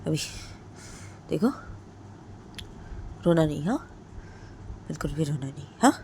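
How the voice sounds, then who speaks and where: A woman voicing a domineering, quick-tempered young woman who scolds with repeated sharp questions. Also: sits low, lively intonation, slight background noise. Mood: stern.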